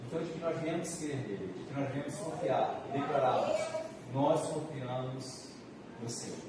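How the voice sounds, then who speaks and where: A man with a Brazilian accent preaching a church sermon as a pastor, repeating phrases with drawn-out emphasis. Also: mid-range voice. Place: large reverberant church room. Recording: echoey hall, distant mic, noisy.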